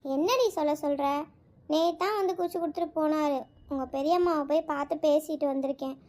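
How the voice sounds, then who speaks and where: A woman's voice: sits high, brisk, darkish tone, natural voice. A woman voicing a breezy, teasing middle-aged mother of the bride in a cartoon.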